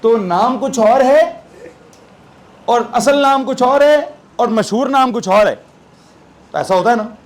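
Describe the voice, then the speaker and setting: A man's voice: extremely high pitch, takes it slowly, long pauses. A man with a Pakistani Urdu accent teaching physics in a classroom, conversational, quizzing his students with playful asides. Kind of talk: classroom lecture.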